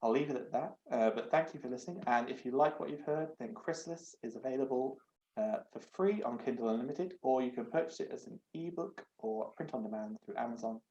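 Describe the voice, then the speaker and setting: A man's voice: a little fast, dark tone. Man with an echoey, muffled voice. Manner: hesitant, low-key. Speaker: author. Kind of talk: casual sign-off after a reading. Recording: echoey, dull home recording.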